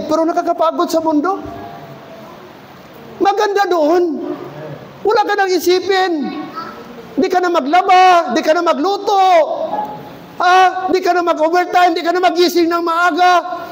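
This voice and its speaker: Pastor guy preaching loud n fervent, really high voice for a man, church hall echo with a little noise behind. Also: fairly even intonation, normal speed, pauses often. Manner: impassioned, often shouting, mixes English into Filipino, calls out to the congregation. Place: church service.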